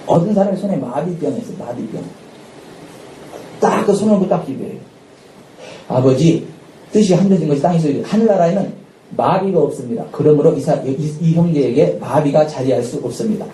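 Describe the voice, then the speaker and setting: A male pastor preaching a sermon with lively energy, often shouting out dramatic lines and laughing. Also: a little high, fairly quick. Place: church sanctuary at a Friday night service. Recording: echoey church hall, distant mic, faint noise.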